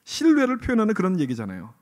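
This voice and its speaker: A man's voice: high-pitched, huge pitch swings, quick pace, a little mellow. A middle-aged male pastor preaching a sermon in a church, asking the congregation questions and acting out the inner voices he quotes. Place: church sanctuary. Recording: long hall reverb from a church.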